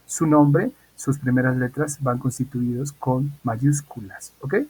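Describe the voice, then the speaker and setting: A man of ordinary pitch with a slightly husky, breathy voice teaches an English class over a computer mic. He is patient and repetitive and keeps checking that his students follow. He speaks as a teacher who is used to talking into a video call. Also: fairly even intonation, a little slow, a little mellow, rough recording. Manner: patient, repeats key points and checks in with "¿ok?". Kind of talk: online class lesson.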